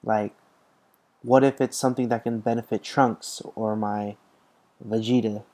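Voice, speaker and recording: A man's voice: lowish voice, fairly even intonation, measured pace, darkish tone. A tired young man rambling casually as he comments on a mobile game he is playing, full of fillers and restarts. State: tired, yawning. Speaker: gaming channel host.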